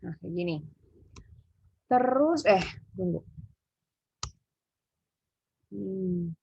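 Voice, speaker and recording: A woman's voice: on the low side, expressive, very slow, gravelly, slightly rough. Hesitant woman tutoring over a call. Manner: hesitant, thinking aloud with many fillers. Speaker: English tutor. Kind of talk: online English lesson. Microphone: video call. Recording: muffled video call audio.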